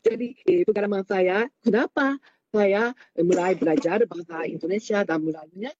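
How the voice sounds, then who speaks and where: A Japanese man with a Japanese accent giving an unscripted talk in Indonesian as a foreign speaker, halting often with hesitation sounds. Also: high-pitched, a little mellow, muffled recording, slight background noise. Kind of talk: unscripted lecture with personal anecdotes.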